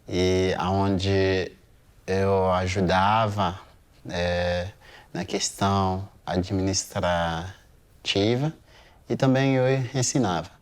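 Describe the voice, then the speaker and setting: A man in his thirties from Haiti giving a hesitant museum testimony, pausing often with fillers. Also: deep voice, steady tone, clean tone. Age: 30s. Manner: slow, hesitant, many pauses and fillers. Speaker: interviewee.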